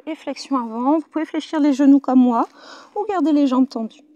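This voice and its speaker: A woman teaching a Pilates class, giving calm breathing cues and breathy whispered counts while doing the exercises herself, close to the mic. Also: sits high, a little fast. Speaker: Pilates instructor. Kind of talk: guided workout instruction. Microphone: mic very close to the face.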